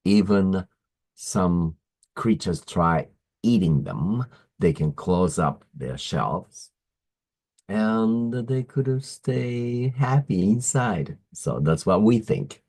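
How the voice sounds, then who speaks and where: A man teaching English idioms in a slow, explanatory lesson, pausing often with "uh" as he works through examples. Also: low voice, animated, a little mellow, rough recording. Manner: deliberate, pausing, frequent "uh" fillers.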